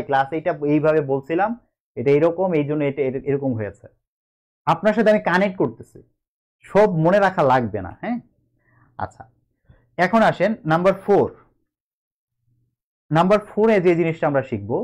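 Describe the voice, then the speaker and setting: A man with a Bangladeshi Bengali accent teaching an online grammar class, chatty and reassuring. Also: a little high. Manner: chatty, reassuring, switches between explaining and coaxing.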